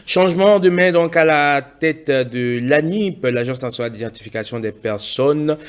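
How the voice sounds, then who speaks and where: A man presenting the morning news on air, with a brisk announcer's delivery as he greets a colleague and lines up the next story. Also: on the high side, clean tone.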